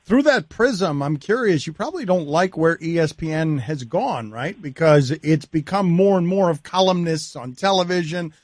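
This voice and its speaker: A man's voice: a little high, normal speed, few pauses, no room sound. Man hosting a sports podcast. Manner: conversational, reads ad promos. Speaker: podcast host. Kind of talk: casual podcast interview.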